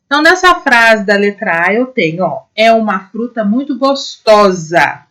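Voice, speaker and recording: A woman teacher with a Brazilian Portuguese accent, giving a recorded class to young pupils, patient and step by step, sounding out syllables slowly. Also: medium pitch, sing-song, fairly bright tone, low-quality recording. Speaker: primary school teacher.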